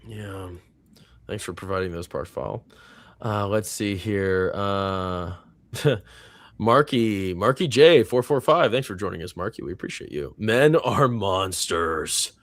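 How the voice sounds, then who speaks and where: A man's voice: lowish voice, measured pace, dry recording. A man hosting a casual live movie reaction stream. He reads viewer comments aloud and rambles with plenty of fillers. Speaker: host of a movie reaction panel.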